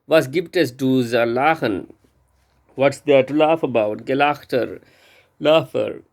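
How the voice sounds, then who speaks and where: A man learning a language, reading vocabulary and example sentences aloud from a textbook in a careful, halting way with frequent restarts. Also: mid-range voice, gravelly.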